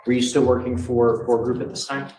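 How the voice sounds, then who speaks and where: A man, a prosecutor, questioning a witness in formal, measured tones, heard in a courtroom recording. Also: mid-range voice, flat delivery, a little mellow. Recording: echoey courtroom with faint noise.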